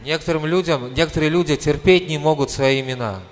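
A man's voice: on the high side, fast talker. A man interpreting a lecture consecutively, rephrasing and correcting himself as he goes. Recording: hall with long reverb.

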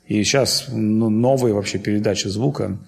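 A man's voice: lowish voice, moderate pace, creaky, darkish tone. A man giving an informal spiritual lecture, talking loosely and digressively with many fillers and self-corrections.

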